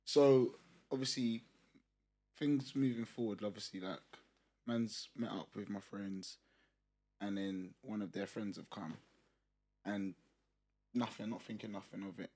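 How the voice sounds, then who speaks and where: A man's voice: lowish voice, steady tone, measured pace, pauses often, warm tone, breathy edge. A young man with a London roadman accent, chatting casually and telling anecdotes in a slangy, teasing way. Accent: London, urban roadman slang accent. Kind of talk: casual banter and anecdote chat.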